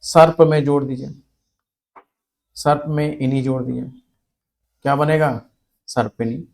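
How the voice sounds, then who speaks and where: A man teaching a spelling lesson, asking questions and answering them himself, repeating key words slowly. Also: on the high side, little pitch movement, vocal fry, darkish tone. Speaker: Hindi grammar teacher.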